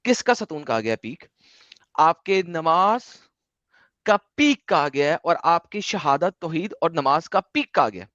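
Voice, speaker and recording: A man hosting an online debate, lecturing forcefully and dropping English phrases into his speech. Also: a little high, expressive, measured pace, dry recording, dull audio. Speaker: debate host.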